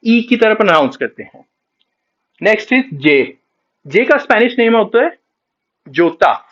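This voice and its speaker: A man with a high, animated voice talks beginners through a language lesson one step at a time, moving between Hindi and English. He slows down to sound out each letter clearly. The recording is dull and lo-fi. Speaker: Spanish teacher.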